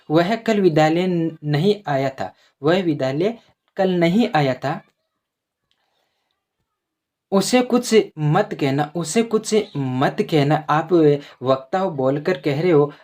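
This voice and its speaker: A teacher walking students through a grammar lesson. The voice reads out example words slowly, one after another, and says each example sentence twice so it sinks in. It asks questions and answers them itself. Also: medium pitch, a little mellow.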